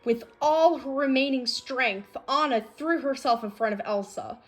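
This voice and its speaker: With faint music in the background, a woman reads a children's storybook aloud at a moderate pace. Her voice is high.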